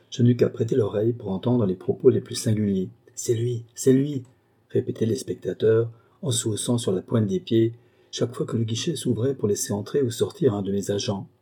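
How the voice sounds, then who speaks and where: A man reading a memoir aloud as audiobook narrator in a measured storytelling tone. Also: fairly low pitch, dark tone, slightly rough. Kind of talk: scripted narration.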